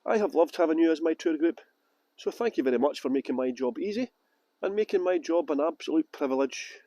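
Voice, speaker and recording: Beside a canal boat lift, an Edinburgh tour guide with a Scottish accent entertains his group outdoors, joking and playing with mock pronunciations. He speaks fairly quickly in a slightly high, mellow voice with lively intonation, and there is no room sound.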